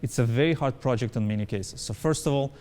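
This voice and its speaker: A fast-talking man with a medium-pitched, darkish voice is heard over slight background noise. English isn't his first language, and as a company founder being interviewed he answers forcefully, repeats his points and checks with "right?".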